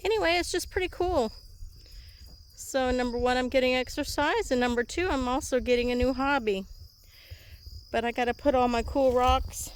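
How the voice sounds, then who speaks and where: A woman's voice: sits high, moderate pace, clear, resonant tone. Chatty woman in a pasture. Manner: chatty, rambling, easily amused. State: slightly out of breath from digging. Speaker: vlog host. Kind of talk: casual outdoor vlog chat. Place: outdoors in a rural horse pasture.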